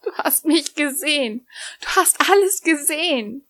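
A woman reading a story and voicing a tearful, flustered young woman mage who whimpers and scolds in a high voice. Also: animated, unhurried, pushed and bright, heavily acted. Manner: shrill, whimpering and sobbing.

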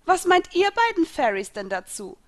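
A woman reading a cold, mocking young female mage of a dark guild in a fan audiobook. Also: fairly high pitch, lively intonation, measured pace. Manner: taunting, with an icy laugh.

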